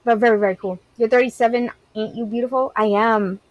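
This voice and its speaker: A woman's voice: a little high, steady tone, fairly quick, darkish tone, no room sound, dull audio. Chatty woman streamer in her thirties. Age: 30s. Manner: candid, rambling, heavy use of "like". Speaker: game streamer. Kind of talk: casual chat, reading and answering live chat.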